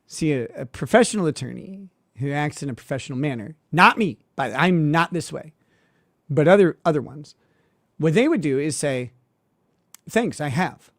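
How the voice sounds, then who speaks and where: A man's voice: fairly high pitch, lively intonation, normal speed, no echo. Sardonic man telling a story, dry sound. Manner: sardonic, mocking, with laughs and filler words. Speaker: suspended lawyer and streamer. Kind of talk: casual storytelling monologue.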